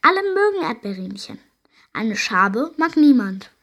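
A woman voicing a cheerful, naive blueberry fairy who calls out brightly. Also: a little high, lively intonation, moderate pace. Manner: bright, calling out.

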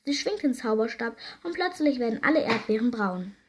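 A woman reading a children's story aloud in a gentle, lively way. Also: fairly high pitch, brisk.

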